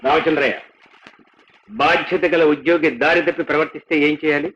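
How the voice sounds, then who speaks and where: A man's voice: a little high, steady tone, a little fast, a little hiss or hum, close to an everyday voice. An actor playing a strict, stern jail superintendent who lectures his constable with authority, in a film drama with a dull, lo-fi soundtrack.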